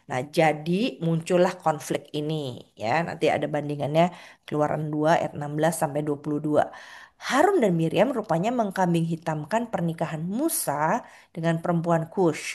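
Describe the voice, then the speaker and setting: A woman preaching a sermon in a conversational way, a mother who acts out the voices she quotes. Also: on the low side. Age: adult with a child.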